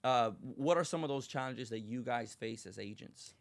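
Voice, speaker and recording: Man, interview host, mid-pitched, halting questions, dry room sound. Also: creaky, no room sound. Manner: stammering restarts when asking.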